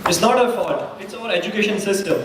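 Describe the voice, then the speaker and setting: A woman acting an earnest, slightly halting commentator in a scripted stage skit. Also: medium pitch, over a noisy crowd, close to an everyday voice. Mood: concerned. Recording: echoey hall from far off.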